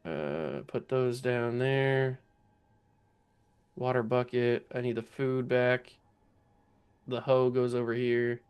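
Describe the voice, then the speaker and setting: A man giving casual commentary while playing a game, thinking aloud, talking to enemies, his voice a little rough and strained. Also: mid-range voice, slow pace, pauses often, a little mellow. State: voice going, clearing throat. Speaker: let's play gamer.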